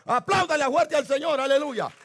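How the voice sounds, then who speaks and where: A man preaching a fiery sermon to his church on a microphone, shouting and exhorting the congregation. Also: very high-pitched, a little fast, slight background noise. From Latin America. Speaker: pastor. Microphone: handheld microphone.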